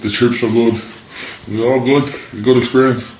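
A young man with a Dublin accent, his voice distorted to hide his identity, speaking in short halting sentences in a news interview. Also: medium pitch, fairly even intonation, reverberant. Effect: voice distorted to disguise identity. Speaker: former youth programme participant.

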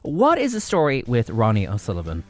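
Lively, jokey radio host. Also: mid-range voice, soft background music. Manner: jokey, playful, quick asides. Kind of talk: casual radio chat. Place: radio studio.

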